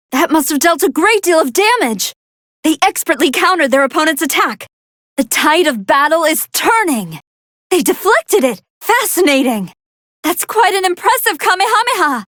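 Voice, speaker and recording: A woman's voice: very high voice, a bit bright, no room sound, clean studio sound. A woman voicing a brainy female android scientist who gives articulate, analytical commentary on battles in a video game. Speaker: fight commentator.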